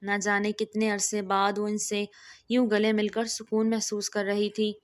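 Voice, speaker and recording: A woman's voice: medium pitch, monotone. Woman narrating a romance novel.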